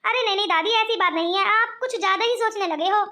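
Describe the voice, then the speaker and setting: Woman doing a cartoon grandson, affectionate and questioning, very high bright voice. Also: fast. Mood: coaxing. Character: young male grandson, a businessman. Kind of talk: cartoon voice acting.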